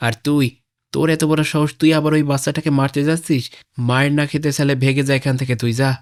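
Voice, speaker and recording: A man's voice: on the high side, flat delivery, fast talker, lightly acted. A man voicing a brave, defiant father in a cartoon who stands up to a gang. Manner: forceful, pleading when cornered. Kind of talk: animated game-parody voice acting.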